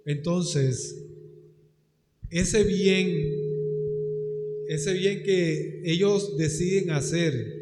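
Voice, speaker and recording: Man on a mic booming in a hall. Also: background noise. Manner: halting, restarts words often. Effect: loud hall echo on a room microphone. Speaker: student asking a question. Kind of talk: question from the floor in a Bible class. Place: large echoey hall. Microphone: handheld room microphone. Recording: booming echo in a large hall.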